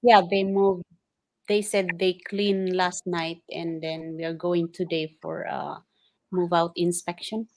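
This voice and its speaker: A woman's voice: lowish voice, flat delivery, slow, darkish tone. A woman calling in as a new landlord over a video call, hesitant and searching for words. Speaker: new investor caller.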